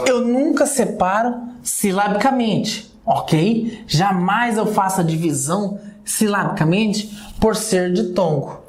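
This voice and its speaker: A man's voice: sits high, slow, hardly any pauses. A man with a Brazilian accent giving a recorded video lecture, explaining step by step and often calling out to his viewers. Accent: Brazilian Portuguese. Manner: explanatory, addresses viewers often with "olha só" and "galera". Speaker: teacher. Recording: roomy classroom echo.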